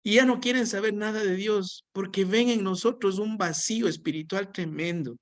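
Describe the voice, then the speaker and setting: A man's voice: high voice, moderate pace. A man, preaching a sermon in a church and telling a personal story with emotional, pleading delivery. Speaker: pastor.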